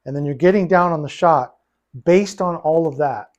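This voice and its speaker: With a slightly high voice at an ordinary pace, a man coaches a student in billiards one-on-one, patiently going back over his phrases. The sound quality is lo-fi.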